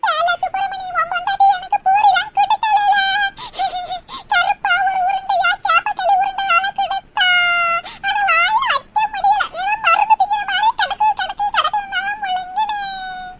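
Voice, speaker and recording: A woman's voice: very high-pitched, flat delivery, moderate pace, long pauses, over music. Wailing old cartoon mother-in-law. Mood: accusing. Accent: southern Tamil (Tirunelveli). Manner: wailing lament, sing-song grumbling. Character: old village mother-in-law, self-pitying and complaining. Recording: loud background noise.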